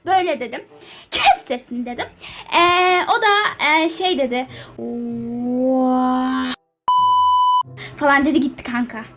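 A woman doing a shrill, bossy, hyper young model. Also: animated, moderate pace. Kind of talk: game character role-play dub.

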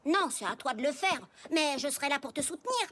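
A woman's voice: sits high, expressive, a little fast, sharp tone, a little hiss or hum. A woman voicing a small male talking pig in an anime dub, blunt, cheeky and exasperated. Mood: blunt, advising.

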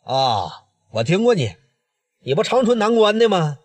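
Man doing Northeastern mob heavy, husky, blunt threats. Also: high voice, very animated, unhurried, darkish tone, heavily acted. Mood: menacing. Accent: Northeastern Mandarin. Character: Northeastern gangster boss, male adult, cold, menacing.

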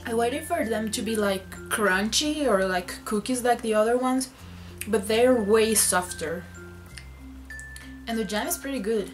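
A young woman with a fairly high voice talks slowly while she eats a cookie. She chats casually, with lots of filler likes, as in a snack taste-test vlog. Music plays clearly behind her. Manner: chatty, many filler likes and ums. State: talking while eating a cookie.

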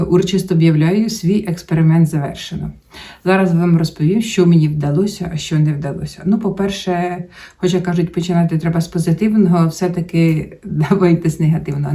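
A woman's voice: fairly low pitch, warm tone, recorded from a distance. A woman hosting a book channel, chatting casually about her reading, rambling with many fillers and restarts. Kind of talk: casual book-review chat to camera.

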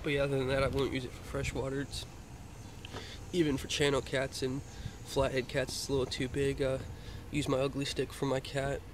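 A young Floridian's casual show-and-tell of his fishing gear comes in a brisk, mid-range, completely flat voice full of hesitant fillers and rambling. He records it on a handheld phone pointed down at the gear inside a car, and the audio is noisy.

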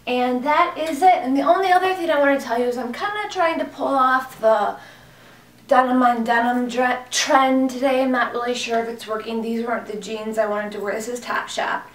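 Recorded on a camera mic several feet off in an echoey little room, a woman in her thirties chats through a casual clothing haul. She's a fashion vlogger with a cold-roughened voice, fairly high in pitch, speaking at normal speed, gushing over the clothes and using plenty of fillers.

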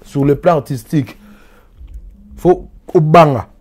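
A man being interviewed, talking in an animated, rambling way and switching languages. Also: a little high, a little slow. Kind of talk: casual interview in Lingala mixed with French.

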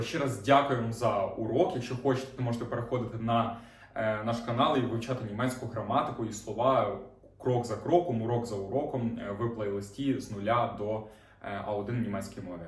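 A man teaching a beginner language lesson, explaining reading rules patiently and repeating example words slowly. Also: lowish voice, fairly even intonation, far from the mic. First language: Ukrainian. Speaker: German teacher. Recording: roomy, off-mic sound.

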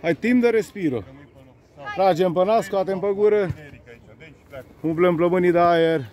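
A man on the sideline shouting praise and slow breathing cues to young players outdoors. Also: high-pitched. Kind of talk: cheering and calming shouts. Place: outdoor football pitch.

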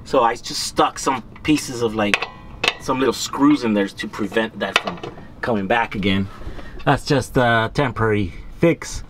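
Unhurried and lowish in voice, a thirty-something vlogger narrates a repair job in his home garage over heavy background noise. It's a casual DIY video in which he explains his steps and muses aloud as he works.

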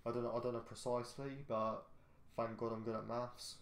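A man's voice: medium pitch, monotone, a little fast, gravelly. A tired man giving rambling, hesitant commentary while playing a driving game, often restarting his sentences. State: tired, yawning. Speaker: gaming YouTuber. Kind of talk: casual gameplay commentary. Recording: echoey room with faint background noise.

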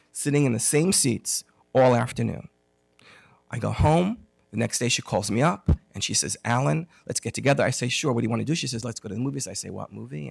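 A man lecturing at a conference, spinning an animated story and playing out both sides of the conversation. His medium-pitched voice has a gravelly edge. The sound is dry and close, with almost no room echo. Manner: animated storyteller, acts out dialogue, self-deprecating humor. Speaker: conference speaker on OCD therapy.

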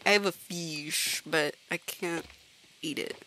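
Woman, let's-play host, playful, giggly, swears, bright voice, slow unhurried talk. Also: sits low, slight background noise, rough recording. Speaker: gaming channel host. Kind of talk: casual let's-play chat.

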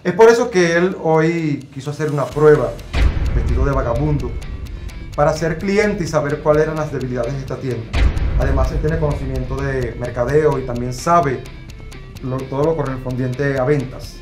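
A man's voice: mid-range voice, moderate pace, music in the background, lightly acted. Man as remorseful shop owner, earnest, web drama. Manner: apologetic, earnest speech. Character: regretful male store owner. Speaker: store owner. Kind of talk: scripted web drama acting. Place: indoor clothing store.

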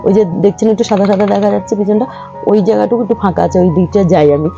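A hoarse, feverish middle-aged woman chatting casually to her viewers in a home vlog and telling a story. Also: medium pitch, rapid-fire, highs cut off, over music. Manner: chatty, addresses viewers as friends, coos at pets. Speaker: vlogger.

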